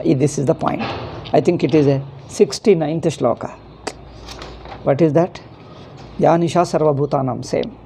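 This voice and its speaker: A man's voice: a little high, gravelly, mellow, slight background noise. A man with a South Indian accent, a native Kannada speaker, giving an informal scriptural lecture, repeating key phrases and answering his own questions.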